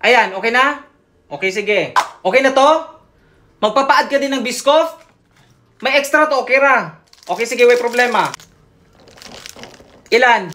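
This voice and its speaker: Her voice sits high and a bit bright, a little slow with frequent pauses. Acting alone as a drink seller, she takes orders from absent customers, bossily and chattily telling them off, and keeps half-singing the same catchphrase.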